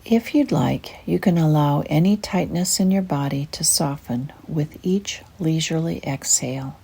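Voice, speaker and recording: This is a soft, breathy, husky voice sitting low, belonging to an older woman. She leads a guided meditation gently and soothingly, taking her time.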